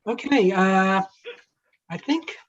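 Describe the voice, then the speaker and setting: A woman leads a group of young people through introductions on a video call, moving from one to the next in a halting, casual way with frequent "uh"s and restarts. Her voice sits at an ordinary middle pitch. The audio is a little dull and lo-fi. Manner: halting, many fillers and restarts. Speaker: livestream moderator. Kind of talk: casual moderating.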